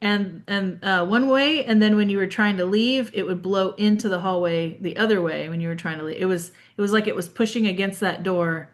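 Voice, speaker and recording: Animated storytelling woman podcaster. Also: mid-range voice, brisk, hardly any pauses. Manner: animated storyteller who acts out quotes. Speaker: podcast co-host. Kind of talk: casual storytelling chat.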